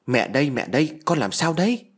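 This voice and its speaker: A man voicing a shrill, upset young wife. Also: very animated, brisk, slightly rough. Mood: soothing. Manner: sharp, scolding, then soothing. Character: frightened, angry young wife and mother.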